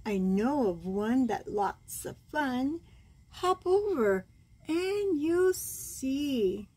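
A grandmother in her sixties reads a bedtime storybook aloud to children in a small room at home. Her voice is fairly high for a woman, with a husky, worn texture. She reads very slowly, gently and expressively, pausing to coo over the pictures.

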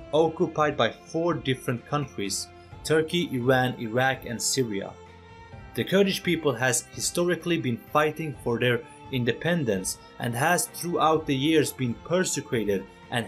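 A man hosting an opinion video as a voice-over, earnest and persuasive, speaking straight to his viewers. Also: medium pitch. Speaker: channel host.

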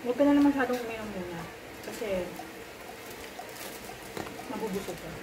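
A young Filipino woman vlogger talking while eating, gently coaxing someone to finish their food. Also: on the high side, expressive, fairly quick, noisy background. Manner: coaxing, motherly instructions. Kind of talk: casual mukbang chat. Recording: music playing behind.

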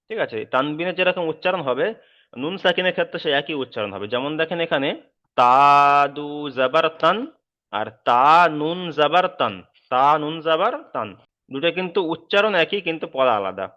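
Man drilling Arabic letters in a sing-song voice. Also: a little high. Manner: slow sing-song drilling of letter sounds, then quicker explanation. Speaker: Quran reading teacher. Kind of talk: recorded online lesson, spelling out Arabic letters. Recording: dull, muffled recording.

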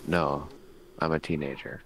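A male gamer talking through a voice changer that pushes his voice deeper. He chats casually while playing and asks quick, offhand questions. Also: little pitch movement, noisy background. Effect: voice changer making the voice deeper. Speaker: game player. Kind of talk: casual chat while playing a video game.

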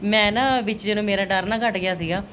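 Chatty Punjabi woman vlogging over clear noise. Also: mid-range voice, fairly even intonation, fairly quick, a bit bright. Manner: chatty, asks viewers questions. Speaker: vlogger mother. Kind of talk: casual daily-routine vlog chat to viewers. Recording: clearly noisy everyday vlog recording.

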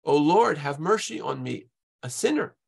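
A man's voice: fairly high pitch, big pitch swings, normal speed, vocal fry, breathy edge, heavily acted. A man reading aloud the pleas of a tortured woman, his voice raised and strained as he begs for mercy. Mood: pleading. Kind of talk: dramatic reading of a historical record.

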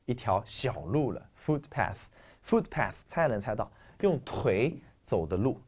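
A man teaching English vocabulary in a recorded lecture, lively and emphatic, dropping into soft asides as he explains words. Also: medium pitch.

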